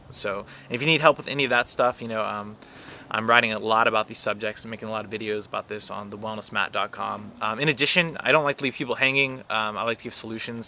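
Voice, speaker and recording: A man's voice: fairly low pitch, gravelly, bright, forceful tone, a little hiss or hum. A young man talking casually to camera as a wellness vlogger, rambling a little with lots of fillers while giving earnest advice.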